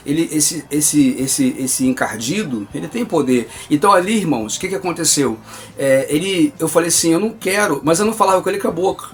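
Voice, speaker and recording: A man's voice: fairly high pitch, lively intonation, fairly quick. Earnest Brazilian man giving testimony. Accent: Brazilian Portuguese. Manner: earnest and emphatic, addresses listeners as brother. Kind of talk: personal religious testimony.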